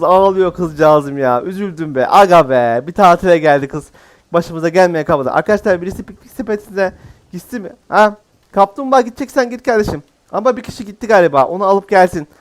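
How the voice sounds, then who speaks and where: A man giving casual, jokey let's-play commentary as a gaming YouTuber, exclaiming often. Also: sits high.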